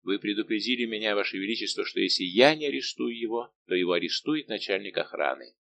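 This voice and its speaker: Man voicing a calm, defiant musketeer captain. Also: lowish voice, fast talker, gravelly, lo-fi sound, a little hiss or hum. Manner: calm, steady, respectful but unbending. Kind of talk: audiobook reading.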